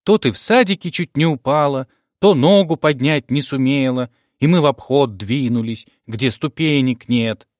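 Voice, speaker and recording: A man reading an audiobook, voicing a bossy, cheeky first-grade girl who talks loudly and bluntly. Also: medium pitch, moderate pace, few pauses, no room sound, studio quality, lightly acted. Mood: grumbling. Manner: loud, blunt, shouting.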